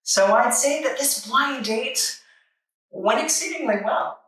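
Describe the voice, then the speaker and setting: The host of a comic book review show gives a casual, playful, tongue-in-cheek review full of asides. Her voice is high and fairly bright, and she takes her time. The recording is echoey and distant, with music underneath.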